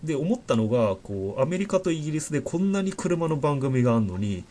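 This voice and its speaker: A man hosting a podcast, talking in a relaxed, chatty way with plenty of fillers. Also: a little high, quick pace, slight background noise. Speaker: podcast host. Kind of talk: casual chat.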